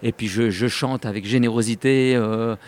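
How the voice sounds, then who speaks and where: A man of Sicilian descent raised in France, a stage singer, talking about his show in an animated, laughing, rambling way. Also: medium pitch, moderate pace. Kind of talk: casual interview.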